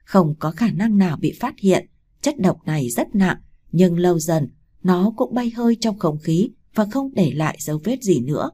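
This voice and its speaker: A woman reads a horror story aloud with steady, ominous narration. Her voice sits low and has a dark, husky grain. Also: normal speed.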